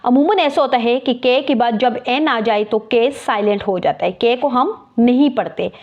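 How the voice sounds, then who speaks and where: Higher-voiced woman teaching, muffled audio. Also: moderate pace. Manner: spells words out letter by letter and repeats key terms. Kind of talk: explaining a lesson. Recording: muffled lo-fi recording.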